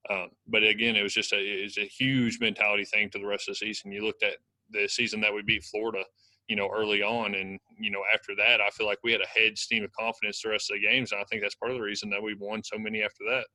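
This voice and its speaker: A young man answers press questions at a brisk clip, piling on "you know" and "uh" as he goes. His voice is bright and tense, with a flat, steady pitch. The recording is dry and close. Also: dry recording, rough recording. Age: young adult. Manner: fast, filler-heavy talk with many "you know"s. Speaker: college football offensive lineman.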